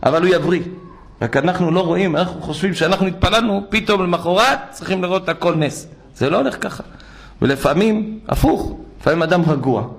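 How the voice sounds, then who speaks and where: A man's voice: sits high, vocal fry. An older man, a rabbi, preaching a sermon and telling stories, acting out the people he quotes. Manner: animated, acts out quoted speech. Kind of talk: sermon with storytelling.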